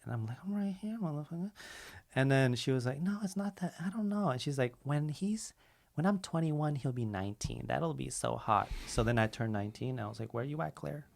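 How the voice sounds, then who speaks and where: Gravelly dude on a podcast, swears a lot, jokey stories. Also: male voice, mid-range voice, expressive, fairly quick. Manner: crude, joking storyteller. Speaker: podcast guest. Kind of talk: casual chat.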